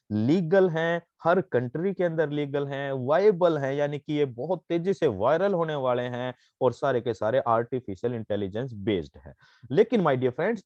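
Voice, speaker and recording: A man giving a persuasive sales pitch, mixing Hindi with English phrases and calling listeners his friends. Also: a little mellow, no echo, lo-fi sound. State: coughing, throat irritated. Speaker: network marketing presenter.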